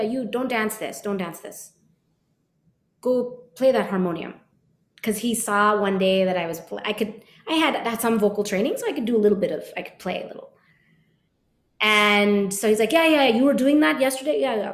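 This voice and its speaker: A woman, a Kathak dancer and teacher, recalls her training in a reflective interview. She acts out her teacher's lines in lively voices. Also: medium pitch, reverberant. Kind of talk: storytelling interview.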